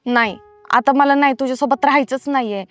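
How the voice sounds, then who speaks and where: Actress as a dismissive mistress with a high voice, clipped and cold. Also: female voice, brisk, a bit bright, dry recording, soft background music. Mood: fed up. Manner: curt, dismissive. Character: fed-up married mistress, sharp-tongued. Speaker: married lover. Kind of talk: comedy film acting.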